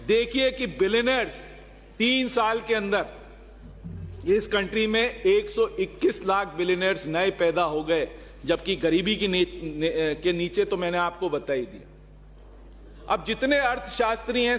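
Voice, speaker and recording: Male lawmaker, high voice, combative floor speech with rhetorical questions, long hall reverb. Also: fairly bright tone. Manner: argumentative, rhetorical questions, mixes in English phrases. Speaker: legislator. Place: legislative assembly hall.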